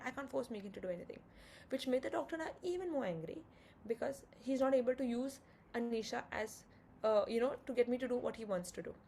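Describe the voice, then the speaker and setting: A woman tells a personal story with feeling, her voice a little high and edged with grit. She brings the people in the story to life by quoting them and stops to fix her details. A faint hiss sits under the recording. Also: gravelly, a little mellow. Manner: vivid retelling with quoted dialogue and self-corrections. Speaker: guest sharing her birth story.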